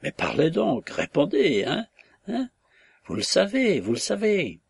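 A man's voice: high-pitched, huge pitch swings, measured pace, creaky, breathy edge, dry recording, voice pushed up, exaggerated voice. A man playing a blustering, badgering nobleman. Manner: badgering, insistent, exclamatory. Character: blustering, pushy reactionary nobleman.

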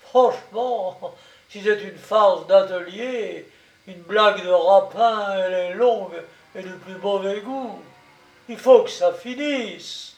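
A man's voice: sits high, takes it slowly, darkish tone. A man reading aloud voices an indignant male prisoner protesting his treatment. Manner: protesting, exasperated. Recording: roomy, distant, dull sound.

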